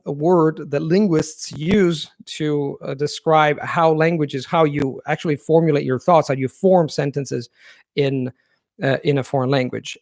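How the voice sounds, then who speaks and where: An Italian man whose first language is Italian hosts a language-learning channel's live Q&A, reading out viewer questions and answering them. His voice is a little high for a man and a little mellow, and he explains things earnestly, thoughtfully, and at length. The audio is dry and close, with no room echo.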